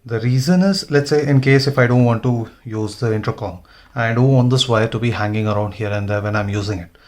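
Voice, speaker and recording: A motovlogger talks through a gear installation in a casual, hands-on tutorial, thinking out loud as he goes. His voice sits at a medium pitch and moves along fairly quickly.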